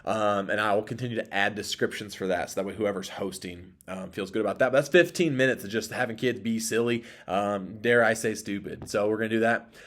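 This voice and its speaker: A young man with a lowish voice walks volunteers through the children's service plan in a loose, rambling way. He fills his pauses with ums and uhs and sounds easygoing. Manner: relaxed, rambling with frequent ums. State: allergies, may sneeze. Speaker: children's ministry leader briefing volunteers. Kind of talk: casual planning briefing.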